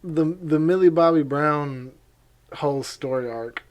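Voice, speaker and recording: Guy cohosting a podcast, kinda high voice, laughs a lot, playfully defensive. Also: measured pace. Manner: laughs often, protests playfully. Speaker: podcast co-host. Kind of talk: casual chat.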